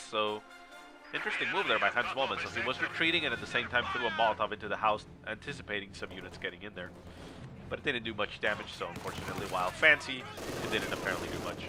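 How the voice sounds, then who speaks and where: A man gives live strategy game commentary in a somewhat low, nasal voice. He sounds sick and congested, explaining the match casually. Game music and battle sounds play clearly behind him. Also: quick pace. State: sick with a stuffy nose. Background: video game battle sounds and music.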